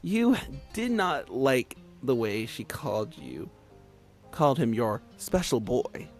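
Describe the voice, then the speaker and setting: A man's voice: mid-range voice, big pitch swings, slow pace, faint music behind. A man streaming a story game, reading it aloud with giggly, chatty asides.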